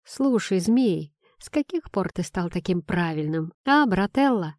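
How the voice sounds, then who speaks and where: A woman voicing a drunk, insolent young man who mocks his former friend, in a slow, sneering tone. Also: on the low side, expressive, darkish tone, no echo, clean studio sound. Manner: sneering, mocking.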